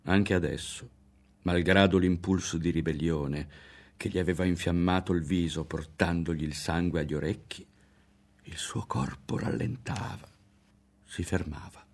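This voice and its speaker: A man with an Italian accent narrating a literary novel in a measured, expressive reading. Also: sits low. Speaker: audiobook narrator.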